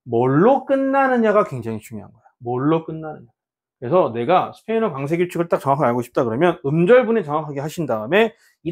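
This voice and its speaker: Teaching Spanish to beginners in Korean, a man with a slightly high voice slowly repeats example words and asks his class questions.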